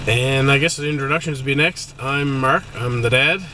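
Dad talking over loud road noise. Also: male voice, medium pitch, moderate pace. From Newfoundland, Canada. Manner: easygoing, many "uh" fillers, teasing. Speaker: dad, vlog host. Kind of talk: casual family vlog chat. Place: inside a car, then a bowling alley.

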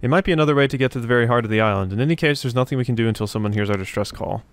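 A man hosting a gaming video delivers rapid-fire, casual let's-play commentary in a mid-range voice. He thinks aloud, talks to himself and to the game, and reads out notes as he goes.

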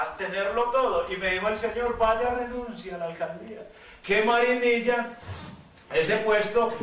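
Middle-aged Paisa Colombian man telling his testimony with emphasis, voice high for a man, heard from far off in a hall with a faint hum behind. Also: fairly bright tone. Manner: emphatic, acts out dialogues in quoted voices. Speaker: speaker giving a conversion testimony. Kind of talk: spoken testimony. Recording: echoey, from far off the mic.

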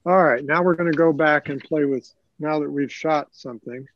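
An older man, a hobbyist who teaches video editing, presents an informal live tutorial, explaining things conversationally. His voice is on the high side at a moderate pace, and the recording is dry with dull audio.

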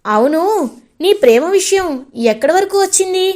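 A woman's voice: extremely high pitch, lively intonation, moderate pace, a little mellow, pitched above the performer's own voice. A woman voicing a persistent young man in love.

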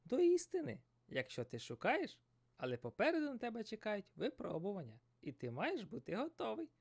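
A man voicing a gentle magic fish girl. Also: high voice, wildly swooping pitch, fairly quick, gravelly, pitched above the performer's own voice, heavily acted. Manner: kind, encouraging.

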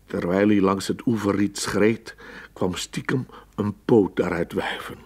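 A man narrating children's stories in a calm, gently amused way. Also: on the low side, a little slow, slightly rough. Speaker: storyteller. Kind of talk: storybook narration.

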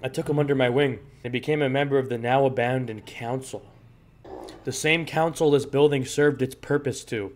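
A man reading aloud the lines of a dying, infected male villager in a game, in a low, hushed voice. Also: steady tone, moderate pace, a little hiss or hum, natural voice. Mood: somber.

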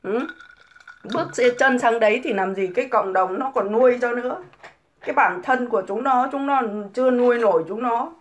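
A woman's voice: fairly high pitch, brisk, muffled recording. A middle-aged woman ranting scornfully on a casual livestream, full of mocking rhetorical questions. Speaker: livestream host.

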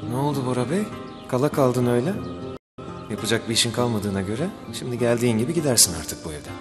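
Actor as a blunt young man talking quickly. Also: medium pitch, lively intonation, natural voice. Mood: taunting. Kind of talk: TV drama acting. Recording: music behind the dialogue.

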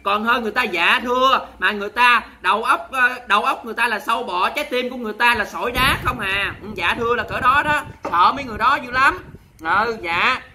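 A man with a Southern Vietnamese accent hosts a charity livestream at a rapid clip. His voice is very bright and sharp, and he talks in a sassy, theatrical way, scolding his viewers in jest. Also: very high-pitched. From Mekong Delta, Vietnam. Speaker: livestream host.

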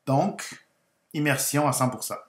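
A Guatemalan-born man whose native tongue is Spanish, and who moved to Quebec, Canada at age ten, shares a personal story as a slow, educational narration. A language teacher and channel host, he lays out each phrase with care in a medium-pitched, fairly bright voice. The room is echoey, so a clear reverb surrounds his speech.

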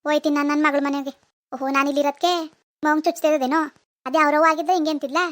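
A sarcastic old grandmother grumbles and takes offence in a rural Kannada village dialect, as a woman voices her for a cartoon. Her voice sits high and her complaints tumble out fast. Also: flat delivery, close to an everyday voice. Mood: aggrieved. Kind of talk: cartoon voice acting.

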